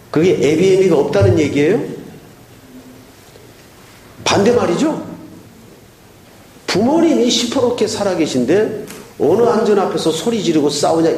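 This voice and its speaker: A man in his fifties preaching a sermon as pastor, telling stories and acting out voices. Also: a little high. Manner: animated storytelling, acts out quoted voices. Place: church sanctuary. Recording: roomy church sound with faint noise.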